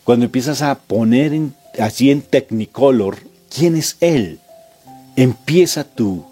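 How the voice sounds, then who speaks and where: A man's voice: mid-range voice, slow, warm tone, husky, soft background music. A man preaching a sermon, emphatic and full of repeated rhetorical questions.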